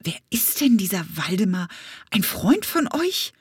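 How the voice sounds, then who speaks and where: A woman's voice: mid-range voice, sing-song, measured pace, breathy edge, dry recording, clean studio sound, full character voice. Woman doing a breathless, eager young boy. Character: curious, brave young boy. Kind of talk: children's audiobook narration.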